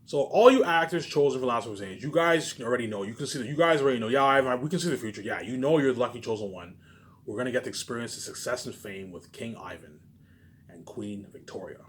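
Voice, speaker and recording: Speaking fast at a medium pitch, a man rambles through a solo vlog recorded on his phone. He's boastful and emphatic, repeats himself, and keeps asking questions only to answer them on his own.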